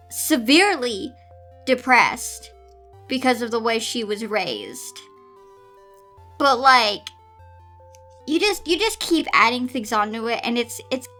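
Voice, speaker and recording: A woman with a slightly high, somewhat bright voice hosts a casual story reading, reading fan fiction aloud. She keeps up a running commentary that is dramatic, exasperated and sarcastic.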